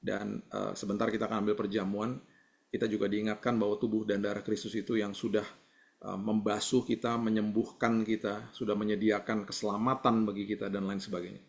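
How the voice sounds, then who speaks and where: A man preaching a sermon over a video call, speaking gently and conversationally and mixing in English words. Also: fairly low pitch, flat delivery, fairly quick, vocal fry. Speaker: pastor.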